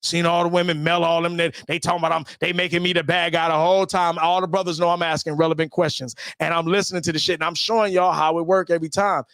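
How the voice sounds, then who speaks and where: A man's voice: fairly high pitch, level tone, fast, hardly any pauses, fairly bright tone, smooth, dry recording, clean studio sound. A man hosting his own channel, ranting heatedly with lots of profanity, repeating himself and stumbling over restarts. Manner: profane, repetitive, stammering restarts. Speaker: channel host. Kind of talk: heated livestream rant.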